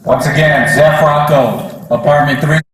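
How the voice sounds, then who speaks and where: A male police officer slowly calling orders to a suspect to come out and surrender. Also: on the high side, fairly even intonation. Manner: commanding, slow, repetitive orders. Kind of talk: loudspeaker commands to a suspect. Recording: echoey and distant.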